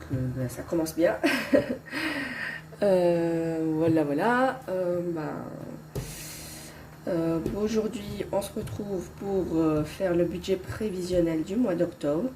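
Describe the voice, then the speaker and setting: A lowish, darkish voice belongs to a woman in her thirties who vlogs about budgeting, here going over her monthly numbers with viewers. She has a Belgian French accent and a head cold, and she speaks casually but hesitantly, restarting often and using many fillers, over a faint hiss or hum.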